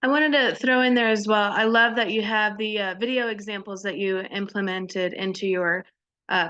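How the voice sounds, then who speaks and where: Bright-voiced Texan woman on a dull call line. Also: mid-range voice, clean tone, dry recording. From Texas. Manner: enthusiastic, with frequent "uh" fillers. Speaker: deafblind intervener specialist. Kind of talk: online group discussion. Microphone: video call. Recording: dull, dry video-call audio.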